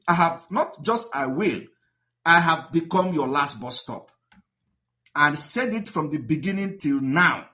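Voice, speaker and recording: A man's voice: fairly high pitch, bright, forceful tone. A Nigerian man delivering a combative, mocking monologue full of rhetorical questions to his audience. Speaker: activist broadcaster. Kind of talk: impassioned monologue.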